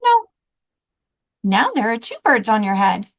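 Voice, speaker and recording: A cheerful, carefree girl piglet from a picture book, acted out by a woman. She speaks sweetly and plainly in a high voice. Her delivery is unhurried, with lively rises and falls. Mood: sweet, matter-of-fact. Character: cheerful carefree female piglet, helpful best friend.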